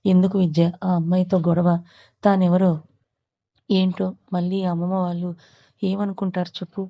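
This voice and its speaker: A woman's voice: lowish voice, level tone, normal speed, dry recording, muffled recording, close to an everyday voice. A woman voicing a polite, modest young heroine who speaks shyly and respectfully. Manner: polite, timid.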